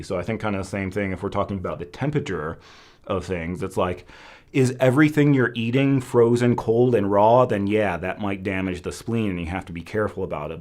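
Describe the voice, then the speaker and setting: A man's voice: deep voice, a little mellow. A man hosting a casual live question-and-answer session, thinking aloud and qualifying what he says. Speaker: host of a Chinese medicine Q&A.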